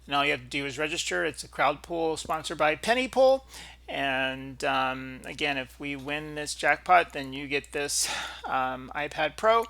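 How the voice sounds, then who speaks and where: Gravelly, bright-voiced man, casual video host. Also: on the high side, expressive. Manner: halting, frequent throat clearing. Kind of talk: casual unscripted commentary.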